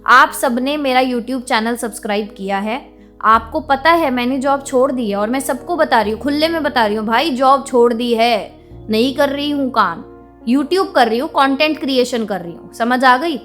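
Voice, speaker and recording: Young woman vlogger, higher voice, outspoken and indignant rant, faint music underneath. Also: moderate pace, a bit bright. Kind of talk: venting monologue to camera.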